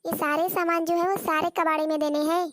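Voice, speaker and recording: A woman's voice: very high voice, flat delivery, brisk, fairly bright tone. A woman voicing a stubborn, scatterbrained young daughter-in-law in a cartoon story, chatty and insistent. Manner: chatty, insistent, explaining at length. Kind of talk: Hindi cartoon story voice acting.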